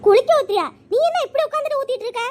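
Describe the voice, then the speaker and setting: A woman's voice: very high-pitched, fast talker, fairly bright tone. A woman voicing a bossy older village mother-in-law in a cartoon, always scolding. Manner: scolding, domineering. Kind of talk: cartoon voice acting.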